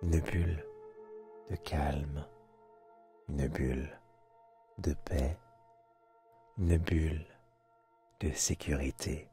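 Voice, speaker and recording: A man guiding a sleep hypnosis in a soft, hushed, soothing voice, intimate and close, as if right in your ear. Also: very deep voice, steady tone, breathy edge. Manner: soft, hushed, soothing delivery with measured pauses. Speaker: hypnosis channel host and guide. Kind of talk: guided sleep hypnosis narration. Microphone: close microphone, binaural recording. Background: soft background music.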